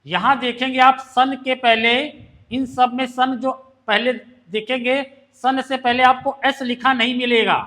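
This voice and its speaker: High-voiced shorthand teacher. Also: male voice, little pitch movement, a little slow, bright, forceful tone. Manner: explains step by step, asks students questions. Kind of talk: classroom lesson.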